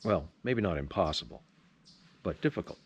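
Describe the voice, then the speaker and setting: A man's voice: low voice, lively intonation, moderate pace, lo-fi sound, a little hiss or hum. A man chatting casually to camera as a pipe tobacco vlogger, rambling along in an opinionated, folksy way. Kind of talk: casual rambling video chat.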